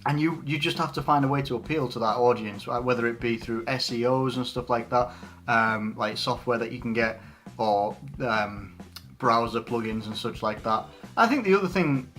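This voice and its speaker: An English YouTuber in his twenties answers viewer questions in an unscripted, casual Q&A. His voice is medium-pitched and a bit bright, and he rambles, often restarting sentences and using fillers.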